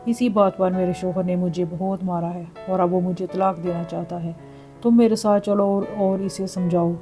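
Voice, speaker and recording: A woman's voice: lowish voice, steady tone, warm tone, faint music behind, close to an everyday voice. A woman reading as a desperate young sister. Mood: pleading. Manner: pleading, then accusing.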